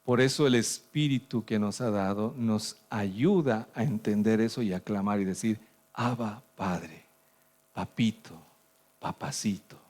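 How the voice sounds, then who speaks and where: A pastor preaching in Bolivian-accented Spanish, his fairly low voice climbing into loud, urgent bursts before sinking back to near hushed tones. He talks to his congregation directly, as a preacher building and releasing emphasis. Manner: preaching with sudden loud rises and soft drops. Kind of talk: sermon.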